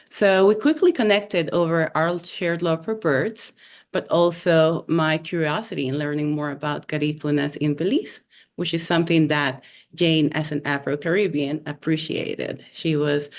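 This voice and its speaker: A Honduran woman with a low voice shares a story from her own life on a video call, taking her time and slipping in little fillers.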